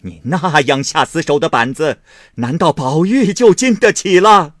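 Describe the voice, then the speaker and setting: A man's voice: fairly high pitch, measured pace, no echo, studio quality, voice pushed up, natural voice. A man reading aloud and voicing a stern, grieving old matriarch who scolds her son with cold sneers. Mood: angry scolding.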